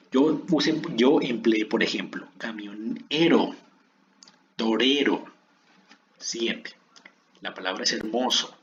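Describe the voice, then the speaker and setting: A man teaching a lesson on poetic meter, counting syllables aloud in a slow, drawn-out way and often restarting his phrases. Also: fairly low pitch, fairly bright tone, lo-fi sound, a little hiss or hum.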